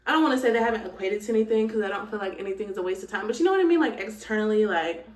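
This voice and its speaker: A woman's voice: mid-range voice, animated, racing. Candid woman vlogging in a roomy space. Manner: candid and reflective, lots of "like" and "girl". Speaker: lifestyle vlogger. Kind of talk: casual vlog chat. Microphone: phone camera. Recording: roomy sound from away from the phone.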